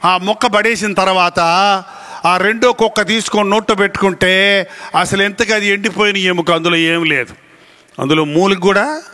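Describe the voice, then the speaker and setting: Guy preaching, high bright voice, really animated, acts stuff out. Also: moderate pace. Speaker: pastor. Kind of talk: sermon.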